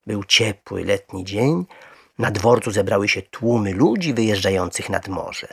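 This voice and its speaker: A man narrating a children's storybook in an expressive, lively way. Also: fairly low pitch, measured pace, gravelly, slightly rough.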